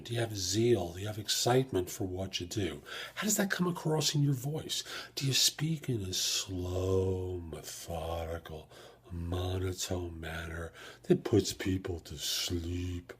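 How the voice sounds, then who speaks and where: Low and husky, this man's voice is expressive and unhurried as he gives career advice. He's a podcast host and job search coach delivering a monologue, explaining points and answering his own rhetorical questions.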